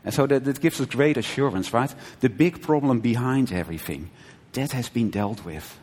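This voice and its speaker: A man preaching in an easy, conversational way, checking in with his listeners and laughing lightly as he explains. His mid-pitched voice carries a long reverb tail from a large hall. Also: lively intonation, normal speed, a little mellow, slightly rough. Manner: conversational, frequent "right?" checks and brief laughs, self-correcting restarts. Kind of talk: conversational sermon teaching.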